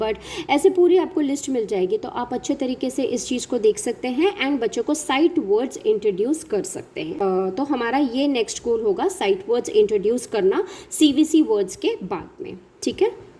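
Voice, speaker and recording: A young woman gives step-by-step teaching tips to parents, mixing in English terms and slowly modelling example words. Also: fairly high pitch, warm tone. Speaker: parent educator. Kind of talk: instructional talk.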